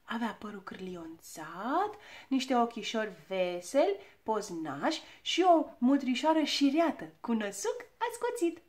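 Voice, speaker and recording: A woman storyteller narrating a children's audiobook in an expressive, theatrical way. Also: fairly high pitch.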